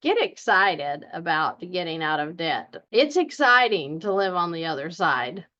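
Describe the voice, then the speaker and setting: Southern lady with a deep south accent doing a casual coaching vlog, earnest and pushy, kinda dull lofi sound. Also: sing-song, unhurried, sharp tone. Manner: folksy, earnest, exhortative. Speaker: personal finance coach and video host. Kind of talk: casual direct-to-viewer coaching talk.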